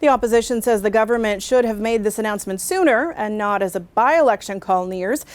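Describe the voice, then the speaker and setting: A woman reading scripted television news as an anchor. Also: fairly high pitch.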